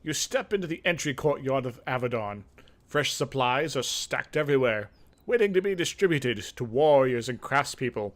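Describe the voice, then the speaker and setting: A man running a gaming video reads game text dramatically, then drifts into casual, rambling remarks delivered hesitantly. His medium-pitched voice is expressive and moves at normal speed.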